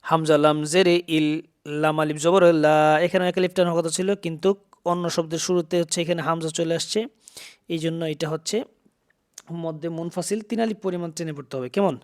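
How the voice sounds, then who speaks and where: A man teaching Quran reading, spelling out syllables and chanting verses slowly between quick explanations. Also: a little high, fairly even intonation.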